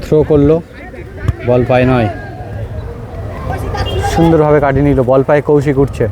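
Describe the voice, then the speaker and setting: A man's voice: on the high side, fairly even intonation, moderate pace. A man giving live running commentary on a local football match outdoors, in short play-by-play phrases with stock praise. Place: outdoors at a school playing field during a match. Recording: noisy outdoor ground, crowd and vehicle sounds. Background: spectators, loud outdoor ambience.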